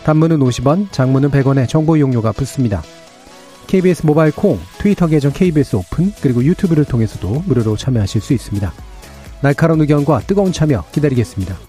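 A man hosting a public radio debate show, presenting in a formal, measured, scripted way. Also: medium pitch, lively intonation, mellow, faint music behind. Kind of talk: public radio host, scripted introductions and moderation. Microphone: studio broadcast microphone.

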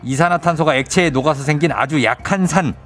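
A man's voice: on the high side, fast talker, a bit bright. A man hosting a live radio phone-in quiz, bantering informally and teasingly and often repeating himself. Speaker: radio quiz show host. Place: radio studio. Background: faint music.

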